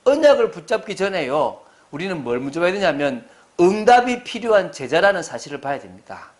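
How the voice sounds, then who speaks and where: A man's voice: high-pitched, sing-song, a little fast. A man preaching a Sunday sermon as pastor. He stresses his points hard and keeps putting questions to the congregation.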